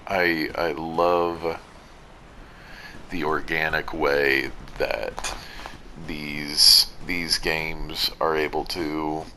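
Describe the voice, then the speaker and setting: A sleepy man talks slowly over his gameplay, his voice low and deep but with a bright edge. He rambles with plenty of restarts and pokes fun at himself. A faint hiss sits under the recording. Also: level tone. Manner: rambling, drowsy, self-deprecating, with restarts. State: tired, sleepy. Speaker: gaming video commentator. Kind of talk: casual gameplay commentary.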